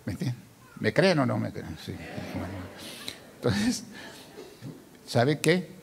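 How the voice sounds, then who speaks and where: A man's voice: mid-range voice, very animated, takes it slowly, vocal fry, big-room sound, noisy background. An older man, a pastor, telling his story in a sermon and acting out the dialogue. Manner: storytelling, acts out dialogue, grows loud and emotional. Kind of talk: sermon testimony.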